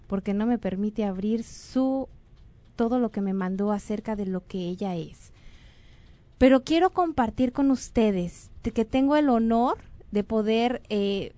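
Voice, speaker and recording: Speaking a little high and warmly, a Mexican woman hosting a radio or online show gives casual announcements and introduces a guest. Her earnest talk rambles, full of fillers and self-corrections.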